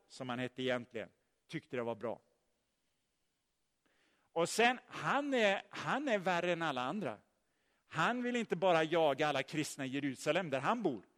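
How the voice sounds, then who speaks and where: A man preaching a sermon, telling the story in a lively way and putting questions to his listeners. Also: fairly high pitch. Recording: long hall reverb.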